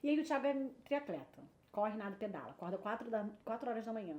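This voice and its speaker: A woman in her thirties tells a story at a brisk clip, jumping into lively voices for everyone she quotes. Her voice sits a touch high. The room is echoey, with a faint hiss behind. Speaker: guest. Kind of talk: storytelling in casual chat.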